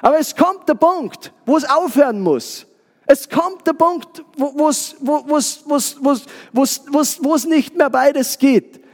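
A man's voice: very high-pitched, slow. A man preaching a sermon with passion, often stumbling and repeating words as he restarts his sentences. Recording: long hall reverb.

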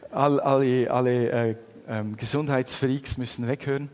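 A middle-aged man with a Swiss German accent, telling a personal story in a sermon with lively, animated delivery. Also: mid-range voice. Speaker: preacher. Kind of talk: anecdotal sermon. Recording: long reverb in a hall.

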